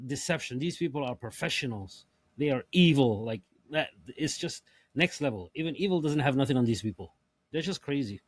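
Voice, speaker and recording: A man's voice: mid-range voice, breathy edge, no room sound. A man hosting a reaction show, commenting on clips with emphatic, repetitive phrasing. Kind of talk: casual commentary.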